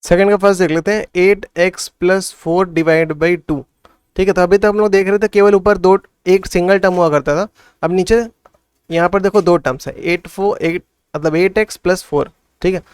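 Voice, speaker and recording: Smooth-voiced maths tutor, thinking aloud. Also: male voice, high-pitched, steady tone, normal speed, no echo. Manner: thinks aloud, frequent "theek hai" checks. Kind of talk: solving textbook problems step by step.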